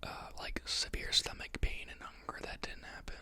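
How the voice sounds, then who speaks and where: The clip features an educational ASMR host who reads a book aloud, then reflects out loud. Their hushed whisper is unhurried, with plenty of pauses and filler sounds.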